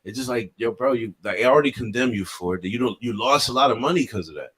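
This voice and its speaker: Here a podcast co-host, a young man, speaks fast in a mid-range voice with a breathy edge. He's animated in the casual back-and-forth, narrating a story and performing each character's voice.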